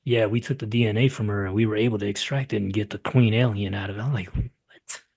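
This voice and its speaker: Low-voiced man in casual, profane movie chat. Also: fairly even intonation, quick pace, creaky, slightly rough. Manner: loose and profane, trails off into quiet asides. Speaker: movie reviewer.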